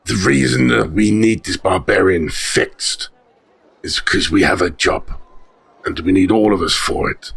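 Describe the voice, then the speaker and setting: Male game player, relaxed conversational delivery. Very gravelly and rough-edged voice, casual table chat. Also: deep voice, measured pace.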